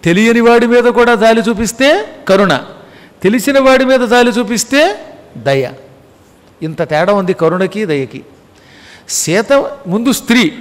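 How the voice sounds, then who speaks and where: A high-pitched man delivers a spiritual discourse, repeating key ideas and posing rhetorical questions to his listeners. He now and then acts out a quoted line. His voice carries a long reverb, as if recorded in a hall. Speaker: religious discourse speaker. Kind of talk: Telugu Ramayana discourse.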